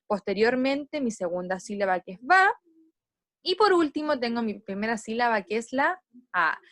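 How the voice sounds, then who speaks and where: A woman teaching young children, explaining step by step and drawing out syllables slowly as she models words. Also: fairly high pitch, very animated, a bit bright, no room sound, studio quality. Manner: slow, stressed syllables when modeling words. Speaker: primary school teacher.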